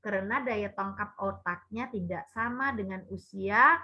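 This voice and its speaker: A woman's voice: medium pitch, a little slow. A woman giving a parenting talk, speaking to the parents as Bapak Ibu and acting out what mothers and children say. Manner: addresses listeners as Bapak Ibu, acts out mother and child lines. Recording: dull lo-fi recording.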